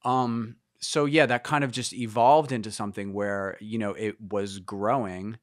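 A man in his fifties thinks aloud as a podcast guest, circling his ideas with fillers and restarts. His voice sits a little low. The recording is dry and close. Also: steady tone, a little slow, dry recording. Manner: reflective and meandering, many fillers and restarts. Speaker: guest musician. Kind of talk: casual interview conversation.

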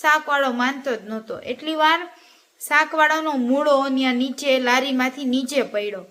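A woman's voice: sits high, normal speed, fairly bright tone. A woman from Gujarat, telling cheeky jokes in a chatty, teasing monologue and talking straight to viewers. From Gujarat, India. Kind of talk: casual joke-telling monologue.

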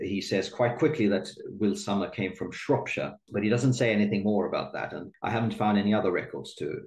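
A native Swedish-speaking man from Sweden, a guest historian, answers interview questions thoughtfully but hesitantly, with lots of fillers, restarts, and repeated words. His voice sits low and is creaky and slightly mellow, captured in a rough, reverberant recording.

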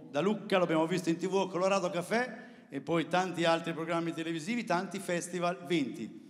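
A man with a high voice announces comedians from a theatre stage in a brisk, upbeat way. Live music and an audience fill the background as his voice echoes through the hall. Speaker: show host. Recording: distant theatre sound, crowd and music.

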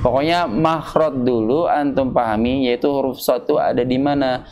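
A man's voice: medium pitch, steady tone, moderate pace, a little mellow, highs cut off, a little hiss or hum. A man teaching Quran recitation at a home study circle, patiently drilling letter sounds syllable by syllable. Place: home gathering room.

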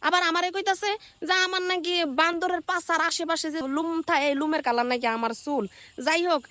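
A woman's voice: extremely high pitch, steady tone, brisk, a bit bright, no echo. A woman with a colloquial Bangladeshi accent, ranting sarcastically in a scolding reaction video, recorded on a phone. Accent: Bangladeshi colloquial Bengali. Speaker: content creator.

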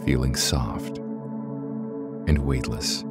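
A man narrating a guided sleep meditation in a soft, hushed, soothing voice that at times drops to a whisper. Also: rumbling low, steady tone, takes it slowly. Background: new-age music and ocean waves.

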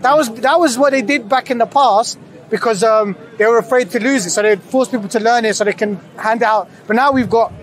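High-pitched young guy from lebanon arguing outdoors in a park, keeps pushing the same question. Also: a little fast. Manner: insistent, repeats his questions. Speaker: debater. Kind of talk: heated street debate. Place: outdoor park among a crowd.

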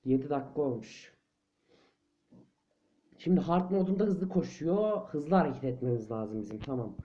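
A man giving casual let's play commentary on a horror game, jumpy and quick to shriek and chant when chased. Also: fairly high pitch, expressive, dark tone, highs cut off. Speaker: gameplay commentator.

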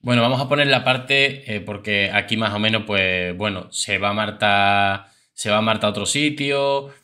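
A man's voice: fairly low pitch, moderate pace, pushed and bright. A man giving chatty, opinionated commentary on reality TV clips as host.

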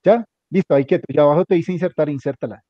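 A man's voice: a little high, quick pace, no echo. A man teaching a hands-on computer class, giving directions step by step and repeating them often. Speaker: instructor. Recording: dull lo-fi recording.

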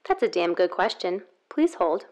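A woman's voice: lowish voice, big pitch swings, moderate pace, music in the background. Woman acting a polite automated customer service voice. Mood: blandly polite. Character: automated customer service phone menu woman, blandly polite yet rude. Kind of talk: comedy sketch phone announcement.

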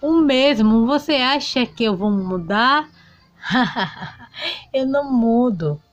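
A woman's voice: on the high side, lively intonation, slow, no echo, muffled recording, soft background music, pitched above the performer's own voice. A woman voicing Griselda, a proud single mother who raised her children alone, in a homemade doll soap opera. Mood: stubborn. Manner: stubborn, insistent. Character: hardworking single mother, abandoned by husband, proud. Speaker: doll novela character.

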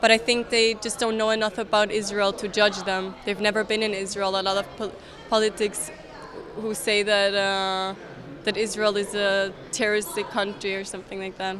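A woman in her twenties from Austria, speaking English with an Austrian accent, answering interview questions in an earnest, measured way with hesitant restarts. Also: medium pitch, little pitch movement, a crowd in the background. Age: 20s. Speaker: interviewee, soldier. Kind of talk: event interview. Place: indoor event hall, crowded.

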